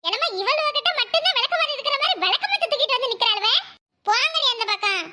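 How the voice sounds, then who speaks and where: A woman's voice: very high voice, expressive, fast talker, sharp tone, full character voice. A woman voicing a quarrelsome, sarcastic neighbor woman in a cartoon, with a Kanyakumari Tamil accent. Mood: scolding. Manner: scolding, sarcastic, indignant. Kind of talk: cartoon voice acting.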